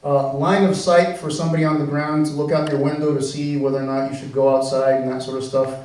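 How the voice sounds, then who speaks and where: A man, an engineering professor raised in Venezuela, giving a relaxed public science talk with lots of fillers and restarts. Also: fairly high pitch, fast talker. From born in the US, raised in Venezuela. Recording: very echoey room, mic far off.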